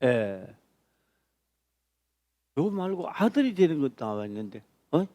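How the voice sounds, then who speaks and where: Male pastor, slightly high voice, emphatic repetitive sermon delivery, dry close sound. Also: big pitch swings, unhurried, no room sound. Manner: emphatic, repetitive, bursts of loud stress. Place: church.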